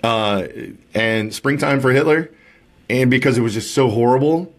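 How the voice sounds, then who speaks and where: A man in his forties talks loosely on his own live stream, rambling from one story to the next with a joking edge. His voice sits at an ordinary middle pitch for a man. He keeps it casual and conversational throughout. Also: normal speed. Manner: chatty, rambling, jokey. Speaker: podcast and Facebook Live host. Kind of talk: casual chat.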